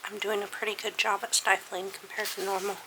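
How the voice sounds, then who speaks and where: A woman playing a nervous young woman in hiding, talking to herself in hushed, partly whispered asides in an amateur cosplay role-play. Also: mid-range voice, level tone, a little fast. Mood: anxious, furtive. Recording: clearly noisy amateur recording.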